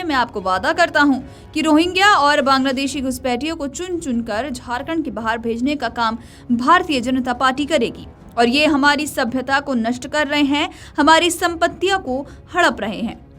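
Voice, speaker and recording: A woman's voice: high voice, a bit bright. A woman reading a scripted news report as a video news presenter. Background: faint music.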